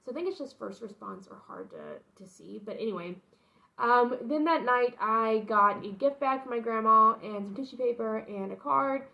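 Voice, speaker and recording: Higher-voiced young woman sharing pregnancy news. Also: very animated, normal speed, vocal fry, sharp tone, lo-fi sound. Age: young adult. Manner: announcing her pregnancy, recounting it informally; rambling, with frequent asides. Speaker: vlogger. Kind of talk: casual personal storytelling to camera.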